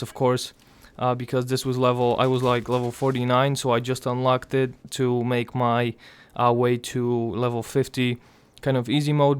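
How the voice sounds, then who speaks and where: A gaming commentator, a young man with a medium-pitched voice, talks quietly and weakly through casual gameplay. Throat surgery has left his voice raspy and strained, and he pauses often.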